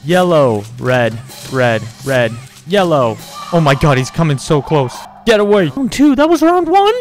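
An amused, jokey man hosting a gaming video, exclaiming and yelling excitably as he comments on the gameplay. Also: on the high side, a little slow, soft background music.

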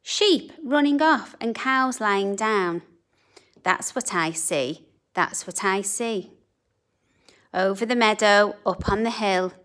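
Woman, storybook reader, slow, sing-song, expressive, middle pitch. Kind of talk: reading a picture book aloud. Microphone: camera above a book on a table.

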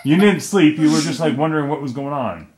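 A man's voice: on the high side, a little fast, very noisy. A middle-aged father casually coaching his children through scenes of a home short film, giving amused, patient direction.

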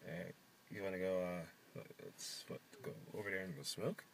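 A menacing inner voice, low-pitched, coaxing, insistent, faint noise behind, short film drama. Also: male voice, normal speed, vocal fry. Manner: coaxing, insistent, drops to a murmur. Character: a man's own dark inner self, coaxing and menacing.

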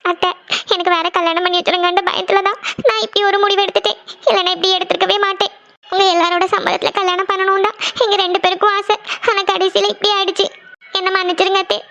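Woman doing Janani, high cartoon daughter-in-law. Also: fairly even intonation, fast, lightly acted. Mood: tearful. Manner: pleading, apologetic. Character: young daughter-in-law, tearful and sweet. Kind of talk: cartoon voice acting.

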